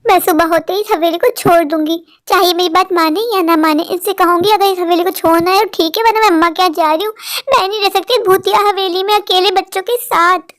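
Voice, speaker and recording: Cartoon lead: a high-voiced, nervous young mum who talks to herself. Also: female voice, fairly even intonation, fairly quick, fairly bright tone. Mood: fearful. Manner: fretful, talking to herself. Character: worried young mother alone in a haunted house.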